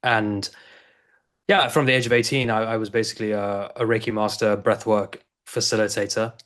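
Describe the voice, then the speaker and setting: A man's voice: lowish voice, level tone, moderate pace, fairly bright tone. A man in his thirties from South Africa, a coach and guest on an interview show, telling his story in a loose, rambling way with many restarts. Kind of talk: casual interview talk.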